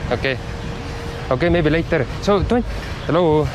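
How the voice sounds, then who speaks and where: Higher-pitched man vlogging amid street noise. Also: lively intonation, moderate pace. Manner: blunt questioning in simple, broken English. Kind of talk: casual street chat. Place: outdoors on streets. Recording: clear outdoor street and traffic noise.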